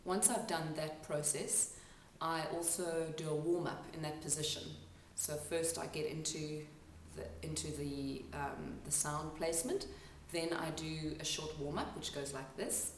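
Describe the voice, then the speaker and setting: A woman who works as an accent coach gives a spoken lesson, explaining sounds step by step and pausing to demonstrate them. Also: sits low, slight background noise. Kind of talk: instructional talk to camera. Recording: echoey room, mic at a distance.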